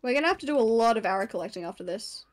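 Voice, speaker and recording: A woman's voice: a little high, expressive, rapid-fire. A woman doing casual live gameplay commentary as an easily startled horror game streamer.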